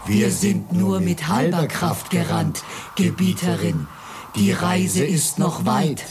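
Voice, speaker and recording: A performer voicing slow racing snails in a puppet play, speaking solemnly and drawn out. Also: mid-range voice, expressive, background noise.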